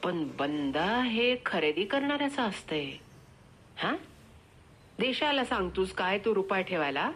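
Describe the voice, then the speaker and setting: A woman reading aloud voices a smooth-talking village livestock broker man with a persuasive, coaxing, rustic way of speaking. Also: medium pitch, sing-song, measured pace, a bit bright, full character voice.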